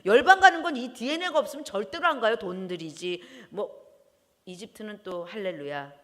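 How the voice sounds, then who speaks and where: A woman preaching a sermon in a church, animated, often laughing and breaking into loud exclamations. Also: mid-range voice, fairly quick. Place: church hall. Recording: long church hall reverb.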